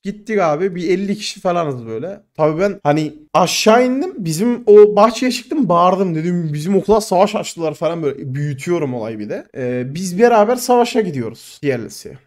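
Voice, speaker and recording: Young male podcast host in his twenties, quick delivery, slightly high voice, animated storyteller. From Turkey. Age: 20s. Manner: animated storytelling, swears, quoted back-and-forth. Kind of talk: storytelling monologue.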